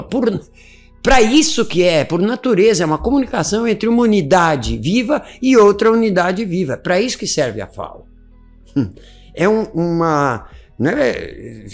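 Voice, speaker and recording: A man teaching English in an informal video lecture, animated and full of rhetorical questions. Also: sits high, gravelly. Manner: animated, asks rhetorical questions, chuckles often.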